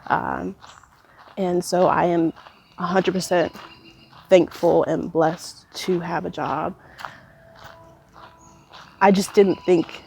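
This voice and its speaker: A young woman in her twenties reflects in a pensive, casual way, as if thinking aloud to a vlog audience. Her voice sits slightly low and often dips into gravelly fry. A light layer of background noise runs under the recording. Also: fairly even intonation, a little mellow. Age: 20s. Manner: pensive, unhurried musing with trailing thoughts. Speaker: vlogger. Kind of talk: casual reflective solo monologue. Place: walking while recording, as a walk-along vlog.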